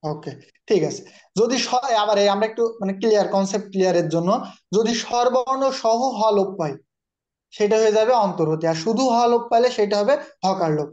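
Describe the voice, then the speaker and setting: A man's voice: high-pitched, brisk, darkish tone, muffled recording. Man teaching a Bengali grammar class. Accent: Bangladeshi Bengali. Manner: explains patiently, scolds students, calls on them by name. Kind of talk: online exam-prep grammar class.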